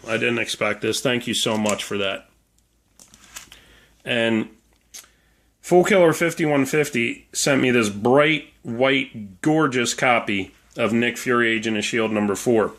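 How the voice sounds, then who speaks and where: Male vlogger, medium pitch, hungover and a touch ornery, conversational storyteller delivery. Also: unhurried, fairly bright tone. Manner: conversational storytelling, acting out quoted dialogue. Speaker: vlogger, comic collector. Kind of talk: casual monologue to camera showing comic haul.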